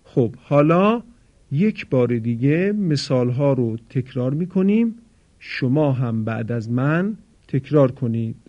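A man teaching pronunciation to listeners. He explains formally and says model words slowly and loudly for them to repeat. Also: medium pitch, lively intonation, dull audio. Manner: slow, loud, drawn-out model words for repetition. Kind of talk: recorded pronunciation lesson for listeners.

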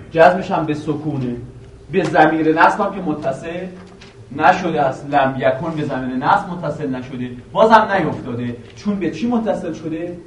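A male teacher giving a classroom grammar lesson, quizzing his students with questions and reciting a verse slowly again and again. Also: a little high, slight background noise. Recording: echoey room, voice from a distance.

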